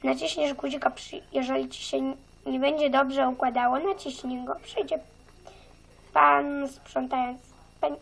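A woman's voice: high voice, steady tone, measured pace, creaky, a bit bright, heavily acted, low-quality recording. A woman voicing a bossy female schoolteacher who gives stern orders to the children in a toy role-play. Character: bossy female schoolteacher choosing a class monitor.

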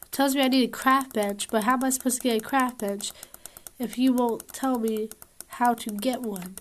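A woman with a somewhat high voice narrates her gameplay. She mutters and grumbles to herself, puzzled by the game's rules. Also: steady tone, moderate pace. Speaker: gamer. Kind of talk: gameplay commentary.

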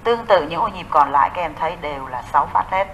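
A woman's voice: low voice, animated, fast, fairly bright tone, highs cut off, slight background noise. A woman teaching a recorded music theory lesson, explaining step by step and answering her own questions to the class.

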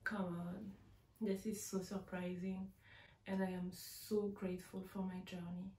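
A woman's voice: lowish voice, flat delivery, measured pace, dark tone, echoey room. A woman who designs clothes, talking to camera in a casual vlog, earnest and heartfelt, repeating words for emphasis. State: tired. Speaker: fashion designer vlogger.

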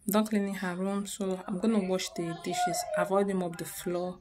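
A woman's voice: moderate pace, very noisy. Chatty Nigerian woman vlogging at home. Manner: chatty, sighing, switches between low tired murmurs and loud excited outbursts. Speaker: vlogger, stay-at-home mom. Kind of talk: casual talking-to-camera vlog. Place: home kitchen and rooms, indoors. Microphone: phone camera held close.

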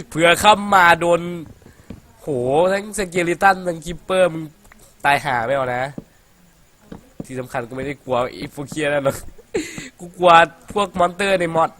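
Playing a game, a young man from Thailand keeps up a casual, foul-mouthed commentary full of laughter and playful chatter. His mid-range voice is fairly bright, and there's a bit of hiss or hum in the recording.

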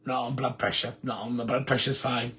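A man with a sore, hoarse throat hosting a live stream, chatting casually and reading out viewer comments. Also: mid-range voice, fairly even intonation, fairly quick, sharp tone. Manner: chatty, rambling, self-deprecating.

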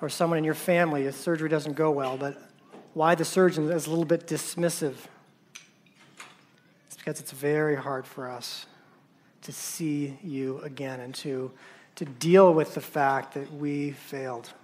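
A man who works as a surgeon tells a personal story at a conference, halting and repeating words, his voice dropping soft at painful moments. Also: a little high, fairly even intonation.

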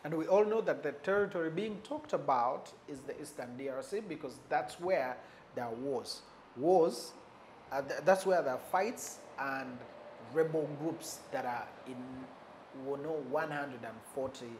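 A man giving unscripted commentary on politics, measured and pausing often, leaning hard on key words. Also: on the high side, darkish tone, a little hiss or hum. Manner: stresses key words for emphasis.

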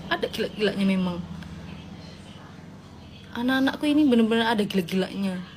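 A woman's voice: mid-range voice, animated, a little fast, slight background noise. A woman hosting a casual live stream, reading viewer comments aloud and answering them in a playful, motherly way. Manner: gently scolding, motherly tone to followers.

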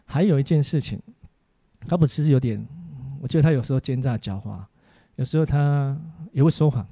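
A man, a preacher giving a teaching sermon for an online course, full of animated stories about his family. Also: medium pitch, a little fast, no echo.

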